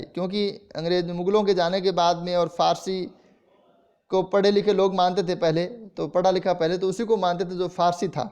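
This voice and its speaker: A man with a Rajasthani Hindi accent teaches a college class in a fairly high voice. He explains patiently, point by point. He says words aloud to show how they sound. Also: a little mellow. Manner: explains slowly, demonstrates pronunciation aloud. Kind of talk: classroom lecture.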